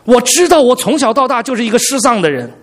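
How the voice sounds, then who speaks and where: A pastor preaches a sermon with an extremely high-pitched voice, talking fast. He tells stories animatedly and addresses the congregation directly.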